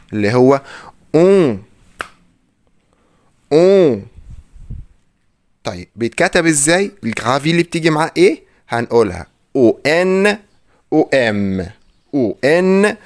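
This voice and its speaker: Man, egyptian arabic accent, lively pitch, slow drilled words, teacher quizzing learners. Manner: drills words slowly, asks the listener questions. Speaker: French teacher. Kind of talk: pronunciation lesson.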